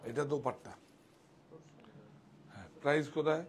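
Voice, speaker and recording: A man's voice: fairly high pitch, animated, moderate pace. A man selling saris on a live stream, chatting with viewers and directing helpers off to the side. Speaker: sari seller on a live sale.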